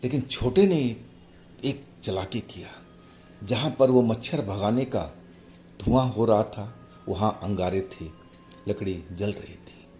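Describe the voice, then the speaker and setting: A man telling a horror story in the first person, halting and hushed. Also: fairly low pitch. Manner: slow, halting, hushed retelling. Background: faint music.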